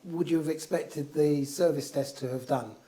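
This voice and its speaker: A security manager asks calm follow-up questions in a casual chat. His voice is mellow and warm, and a little high for a man. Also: moderate pace. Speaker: information security manager, co-host. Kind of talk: casual discussion.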